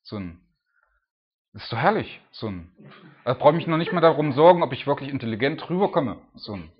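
A man's voice: medium pitch, very animated, fairly quick, lo-fi sound. A man preaching in a loose, chatty way, full of filler words. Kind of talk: casual preaching.

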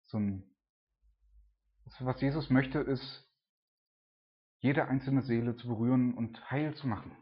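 Man, husky, chatty bible talk, dull recording. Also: medium pitch, unhurried, pauses often. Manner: chatty, many fillers like "ne" and "so". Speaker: Bible teacher. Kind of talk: informal Bible devotional.

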